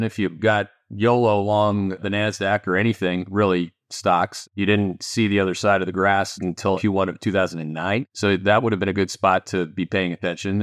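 An investment firm founder with a Canadian accent answers interview questions animatedly and emphatically, tossing in sarcastic asides. His low-pitched voice comes through cleanly, studio-quality with no echo.

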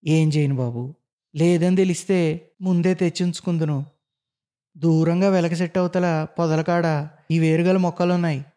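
A man's voice: on the high side, steady tone, normal speed, long pauses, warm tone, natural voice. A man voicing a worried, stern old village healer in a spoken story. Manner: pleading, anxious.

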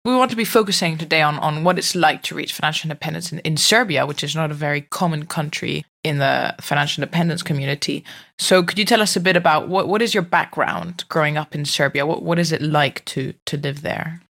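A woman's voice: sits low, fairly quick, creaky, fairly bright tone. A woman hosting a podcast, introducing her guest and asking questions in an upbeat way, often restarting her sentences. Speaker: podcast host. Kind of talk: podcast interview.

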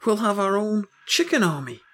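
A man playing a broke farmer husband in an audio story, excitable and rambling, full of grandiose schemes. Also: sits high, moderate pace. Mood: eager, explaining.

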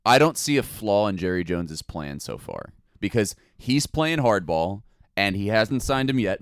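A man's voice: lowish voice, clean tone, no echo, studio quality. A man co-hosting a casual sports podcast, arguing his points with energy and the odd swear word. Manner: animated, argumentative, swears casually. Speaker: podcast co-host.

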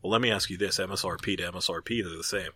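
Deep, bright-toned man with a husky voice. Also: dry recording, studio quality. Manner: halting, repeats words, jokey. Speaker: podcast co-host. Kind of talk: casual whiskey tasting chat.

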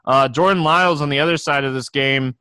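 A man hosting a sports podcast, chatting casually and haltingly, often repeating words as he thinks aloud. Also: on the high side, pushed and bright, clean tone, no room sound, studio quality. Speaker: fantasy sports podcast host.

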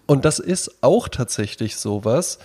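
A man's voice: medium pitch, expressive, a little slow, a little mellow. A man co-hosting a casual podcast, musing reflectively and often adding tag questions. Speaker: podcast co-host. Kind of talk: casual chat.

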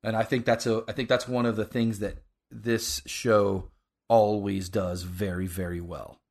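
A man hosting a casual podcast, talking about a show in a halting, enthusiastic way. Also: lowish voice, flat delivery, gravelly, a little mellow. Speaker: podcast host.

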